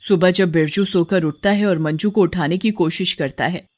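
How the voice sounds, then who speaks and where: A woman narrating a village horror story for a cartoon, in an even, steady way. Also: on the low side, moderate pace.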